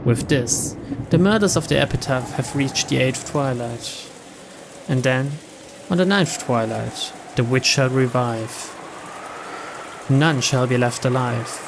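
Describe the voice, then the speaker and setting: Narrating a visual novel for a let's play, this man uses a dramatic, scripted style at a slow pace. His voice sits in the mid range, and clear ambient noise runs in the background.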